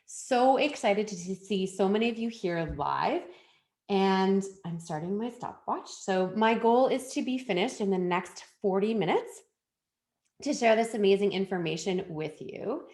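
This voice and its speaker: Woman, wellness program founder, live webinar host; chatty, enthusiastic, mid-pitched. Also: expressive, measured pace, a little mellow.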